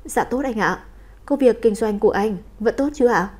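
A woman's voice: on the high side, normal speed, a little mellow, close to an everyday voice. A woman voicing a clingy, sweet-talking young fiancée in a storybook reading, with a coaxing, whiny way of speaking.

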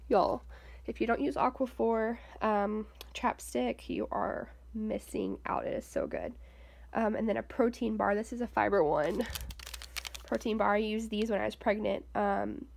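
Young mom vlogger, stuffy nose, some vocal fry, rambly and chatty, mid pitch. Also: female voice. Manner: chatty, rambling with many ums and likes. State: stuffy-nosed. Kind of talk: casual home vlog. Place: bedroom at home.

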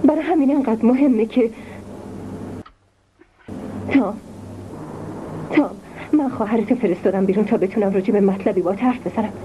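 A woman's voice: a little high, pauses often, close to an everyday voice. A woman dubbing an anxious, domineering mother in an old film drama. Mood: earnest. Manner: pleading, then nagging. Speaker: dubbing actress. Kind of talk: dubbed 1950s film drama. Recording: dull old dub, faint hiss.

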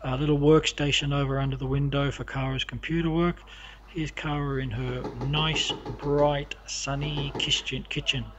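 A man walking through his home with a camera, narrating the rooms in a halting, casual way full of fillers and restarts. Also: fairly high pitch, flat delivery, a bit bright, dull audio, a little hiss or hum. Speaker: homeowner giving a house tour. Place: inside a house, walking room to room.

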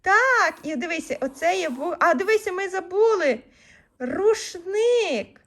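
High-voiced mother coaxing syllables. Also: lively intonation, fairly bright tone. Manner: patient, drawing out syllables slowly. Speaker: mother teaching her child. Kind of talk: home reading lesson with a child.

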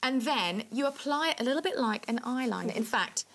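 A woman's voice: high-pitched, animated, fairly quick, a bit bright. Chatty woman presenting on a shopping channel. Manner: chatty, instructive, repeats key points for emphasis. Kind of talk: live TV shopping sales pitch. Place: TV shopping studio.

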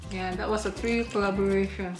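A woman's voice: medium pitch, steady tone, a little fast. A woman hosting a casual mukbang vlog, chatting between bites and politely wrapping up with thanks. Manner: chatty, friendly sign-offs with polite po. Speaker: mukbang vlogger. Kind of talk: casual Taglish mukbang chat. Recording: roomy echo with background music.

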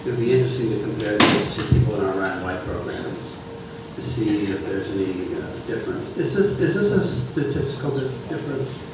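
A man's voice: on the low side, animated, fairly quick, few pauses. A man on a council asking a hesitant question from the floor. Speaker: council member. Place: large meeting room. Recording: echoey room from far off, noisy.

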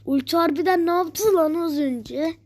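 A woman streamer giving excited live commentary on her own gameplay, jumping between loud outbursts and quick whispers. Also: very high-pitched, slight background noise. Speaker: gaming streamer.

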